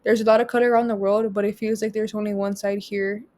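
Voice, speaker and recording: A young Texas woman from the Rio Grande Valley, a native Spanish speaker, is presenting a photo project as a student, reading every caption aloud before explaining it in a measured way. Her voice is medium in pitch, flat in delivery, and a little mellow.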